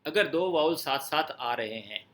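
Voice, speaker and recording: A French teacher runs a language lesson, explaining things step by step, repeating words, and asking students whether they understood. His voice is on the high side, expressive and a bit bright, at a measured pace.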